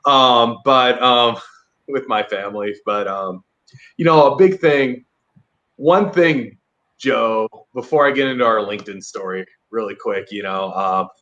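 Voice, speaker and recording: A man's voice: mid-range voice, unhurried, fairly bright tone, lo-fi sound. A man hosting a podcast, enthusiastic and chuckling between remarks, heard over a video call. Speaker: podcast host. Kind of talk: casual interview chat.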